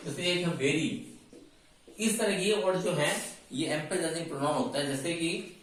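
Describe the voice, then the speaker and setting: A man's voice: fairly high pitch, normal speed, fairly bright tone. A man teaching an English grammar lesson, explaining step by step and asking and answering his own questions. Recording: echoey room from a distance.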